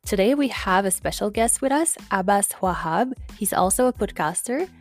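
A woman's voice: mid-range voice, animated, normal speed, soft background music. A woman hosting a podcast, interviewing a guest casually, friendly and agreeing, laughing along. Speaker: podcast host.

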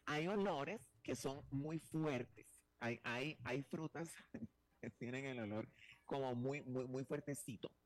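A man's voice: mid-range voice, takes it slowly, dry recording. A male talk-show host with a flamboyant, teasing delivery. He rambles through his points with frequent restarts and playful asides. His voice sits mid-range, captured dry and close.

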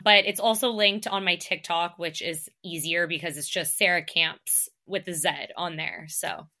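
Bubbly Canadian woman, bright voice. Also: on the low side, steady tone. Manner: bubbly, quick, laughs often, says like a lot. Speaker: guest. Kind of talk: casual interview chat.

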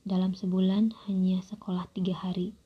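Breathy near-whispered young woman storyteller. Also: fairly low pitch. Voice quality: breathy, husky. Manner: soft, calm and measured, near-whispered. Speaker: narrator. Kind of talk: first-person storytelling. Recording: dull lo-fi recording.

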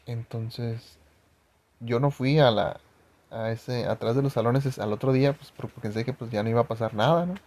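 A man's voice: mid-range voice, normal speed, a little mellow. Slangy young Mexican guy telling a story. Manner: slangy, profane, rambling storytelling. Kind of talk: casual personal anecdote.

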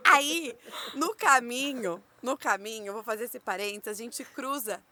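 A woman's voice: a little high, unhurried. A woman with a Brazilian Portuguese accent, hosting a casual podcast and animatedly telling a story, acting out the lines of the people in it. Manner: animated storyteller, acts out quotes, laughs often.

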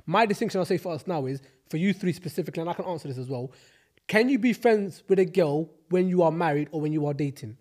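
A man's voice: fairly high pitch, fast talker, a little mellow. A man with a London accent and urban roadman slang delivery, hosting a casual group debate on a podcast. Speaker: podcast host.

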